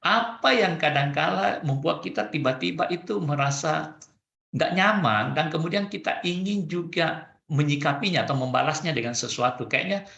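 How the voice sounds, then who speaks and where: Bright-voiced animated man coaching. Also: a little high, normal speed, vocal fry, echoey room, dull audio. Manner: animated, acts out quoted lines. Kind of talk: teaching talk over video call. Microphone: video call.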